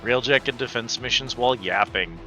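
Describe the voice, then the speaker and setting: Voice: mid-range voice, fairly quick, pushed and bright. A livestream host chatting casually and effusively with viewers while playing a video game. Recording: game music behind the voice. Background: video game music.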